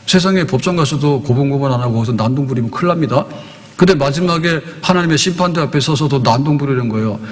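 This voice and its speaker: Middle-aged male pastor, lively sermon delivery, mid-pitched voice, church hall reverb. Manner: animated preaching, acting out quoted voices; breaks into slow hymn singing. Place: church sanctuary.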